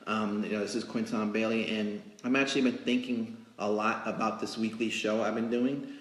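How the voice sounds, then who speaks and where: In an echoey cake studio, a low-voiced man with a level tone hosts a live interview show as a magazine editor. His improvised livestream hosting is chatty, rambling and halting as he fills time, and the indoor audio sounds roomy and echoing.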